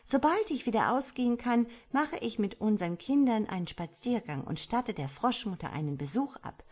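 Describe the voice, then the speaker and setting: A woman voicing a gentle, sensible mother starling who speaks with sympathy. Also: fairly high pitch, very animated, normal speed, pitched above the performer's own voice. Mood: caring. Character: kind motherly female starling.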